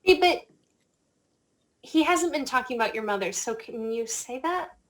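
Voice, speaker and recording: A woman's voice: sits high, animated, moderate pace, rough recording. A woman playing a tabletop game, talking in a hesitant way with many fillers. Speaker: player.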